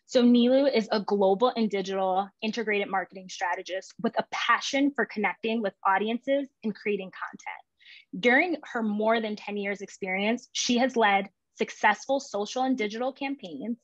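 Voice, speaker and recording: A woman's voice: medium pitch, normal speed, no echo. A woman moderating a professional interview, reading prepared introductions in a polished way with the odd filler, over a video call. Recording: dull, dry lo-fi audio.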